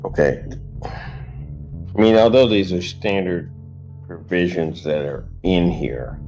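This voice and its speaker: Middle-aged man, judge, low voice, plain-spoken courtroom talk, dull muffled recording, guitar music behind. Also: warm tone.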